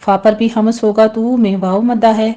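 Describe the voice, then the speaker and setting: A woman's voice: a little high, fairly even intonation, warm tone, highs cut off. A woman teaching Quran recitation rules step by step, patiently explaining each sound and modelling the correct pronunciation. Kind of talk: tajweed lesson.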